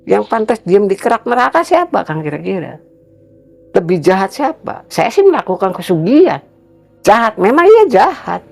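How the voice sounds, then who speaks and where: A man from Cirebon, West Java, Indonesia, recounts his own experience in a casual interview, earnest and emphatic, frequently halting and repeating words. His high, gravelly voice swings widely in pitch and jumps up when he grows indignant, with soft music in the background.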